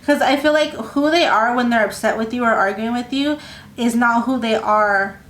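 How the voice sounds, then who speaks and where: A woman giving a casual tarot reading, talking in a rambling, halting way with many fillers and restarts. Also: on the high side, a bit bright. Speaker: tarot reader. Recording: echoey room with faint ambience.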